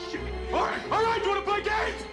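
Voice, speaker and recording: An actor playing a menacing gangster boss in a film, his voice run through a pitched-up filter, taunting and shouting. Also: steady tone, fairly quick. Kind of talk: film dialogue. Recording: film soundtrack with music.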